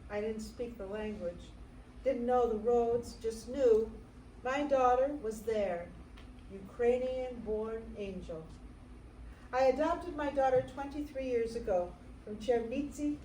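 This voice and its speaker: An actress in a staged theatre reading playing a devoted American single mother recalling her adopted daughter, in a tender, measured monologue. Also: on the high side, mellow. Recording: roomy stage sound from far off, faint noise.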